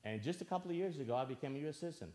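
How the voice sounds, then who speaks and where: A man's voice: a little high, expressive, very fast, mellow. A man from Albania preaching a sermon in church, earnest, asking the listeners questions and repeating phrases for emphasis.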